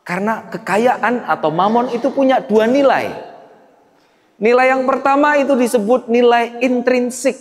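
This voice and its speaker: Man, priest, sermon, high voice, long church reverb. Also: normal speed. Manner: storytelling with acted dialogue, swings between loud and soft. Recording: echoey church hall.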